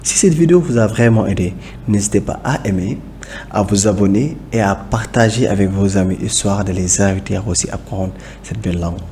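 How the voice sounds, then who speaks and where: Guy giving a language lesson, low mellow voice, repeats every word. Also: a little hiss or hum. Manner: repeats each word slowly for pronunciation practice. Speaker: Wolof language teacher.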